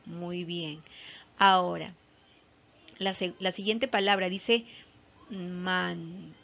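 Her voice lowish and a bit bright, a woman with a Peruvian Spanish accent teaches young children online as a primary school teacher, and the recording has its highs cut off. She goes slowly and patiently, checking in frequently with "¿ya?".

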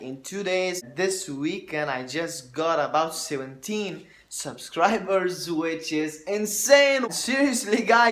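A man's voice: high-pitched, fairly bright tone. A young man talking casually and upbeat to a phone held at arm's length in a living room, thanking viewers. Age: young adult. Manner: upbeat and grateful, talking straight to camera. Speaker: vlogger. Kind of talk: casual vlog talk to camera.

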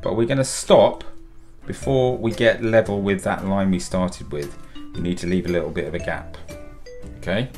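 A deep-voiced man in his fifties, a children's author and illustrator, speaks at a moderate pace with a darkish tone while soft music plays behind him. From his home studio, he cheerfully walks young children through a drawing step by step, staying upbeat and encouraging throughout.

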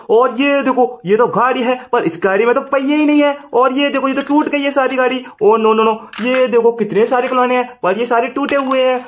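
A man narrating toy play for children, excited and exclaiming often. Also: extremely high pitch. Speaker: toy video host.

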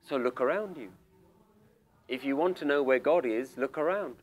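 A man's voice: mid-range voice, normal speed. A male spiritual teacher giving an emphatic, questioning talk to a group seated in a room. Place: room with a small audience.

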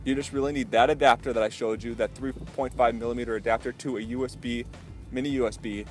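A young male vlogger talks to camera, out of breath, chatty and enthusiastic with plenty of fillers, over soft background music. His mid-range voice is fast with fairly even intonation. He's in an echoey basement and outdoors by a stream, using a headphone mic into a GoPro and a handheld lavalier clip mic.

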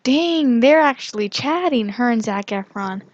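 A woman narrating her gameplay in a casual, giggly and excitable way. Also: fairly high pitch, a little slow, no echo, highs cut off. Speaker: gaming vlogger.

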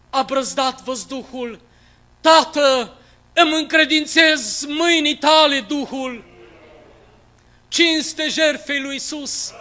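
High, bright-voiced man reciting dramatically. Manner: declamatory, swelling from hushed lines to loud cries. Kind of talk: dramatic recitation of religious poetry.

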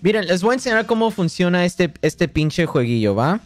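A man's voice: high voice, big pitch swings, normal speed, soft background music. A young man with a Mexican accent, livestreaming a game in a boastful, joking way, swearing constantly. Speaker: streamer. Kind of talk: casual gaming livestream.

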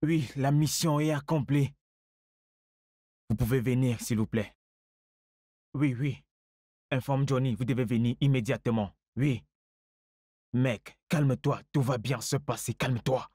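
A man's voice: mid-range voice, steady tone, unhurried, pauses often, mellow, no room sound, studio quality, natural voice. A man dubbing a scheming young lover in a French film dub; he repeats himself and stammers his pleas. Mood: urgent. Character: scheming young male lover, caught and begging. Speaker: dubbing actor.

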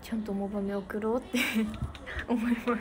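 This idol livestreamer, a young woman with a Niigata Japanese accent, talks casually with fans, giggling and thanking people by name over background noise. Her medium-pitched voice is flat, a bit fast, and dark in tone.

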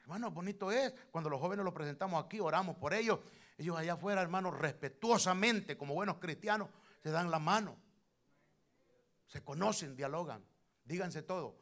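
A male pastor preaches in a church, telling stories and hitting lines with loud sudden emphasis. His voice sits a little high for a man. He speaks straight to the congregation, calling them brother. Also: expressive, a little fast. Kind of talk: sermon.

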